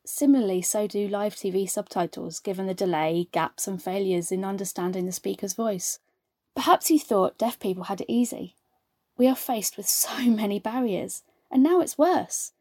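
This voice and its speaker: A woman working as a live sign language interpreter, voicing a deaf speaker's words in the first person with a steady, measured delivery. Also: medium pitch, no room sound, clean studio sound.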